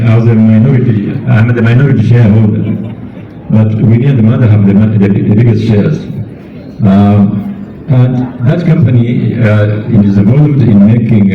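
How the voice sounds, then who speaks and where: A mature Kenyan man giving a eulogy as a bereaved father, speaking deliberately and repeating words for emphasis. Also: on the low side. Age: middle-aged or older. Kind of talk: eulogy speech. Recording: echoey, distant, dull public-address sound.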